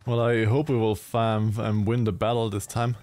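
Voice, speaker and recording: A man casually commentating a game live, giggly and halting with frequent ums. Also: lowish voice, little pitch movement, a little mellow, dry recording, soft background music. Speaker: streamer.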